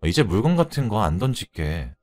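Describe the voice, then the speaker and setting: A man voicing a tired, sheepish husband backing down in a low, placating tone. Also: sing-song, fairly quick, a little mellow, faint music behind. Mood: weary.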